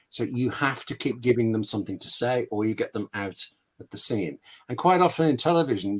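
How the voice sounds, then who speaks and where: A British man appears as a guest scriptwriter, offering writing advice conversationally. He is emphatic and discursive, using dramatic pauses, and his medium-pitched voice has a sharp tone.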